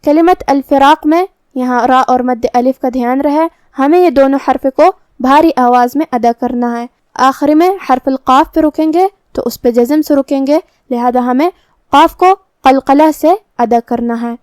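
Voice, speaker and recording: A woman with a Pakistani Urdu accent calmly explaining Quran recitation rules step by step in a tajweed lesson. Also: high voice, no room sound.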